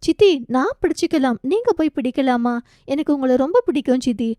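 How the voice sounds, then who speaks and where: A tearful young woman pleads for her aunt's forgiveness, put on by a woman reading a storybook. The voice sits a bit high and mellow, and the apologetic manner runs through every line. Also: animated, brisk, dry recording, clean studio sound. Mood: pleading.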